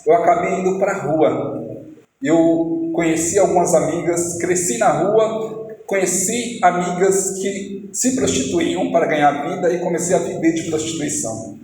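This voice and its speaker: High-voiced preacher man in echoey hall. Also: darkish tone. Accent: Brazilian Portuguese. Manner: storytelling, acting out dialogue. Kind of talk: testimony sermon. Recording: echoey hall, faint noise.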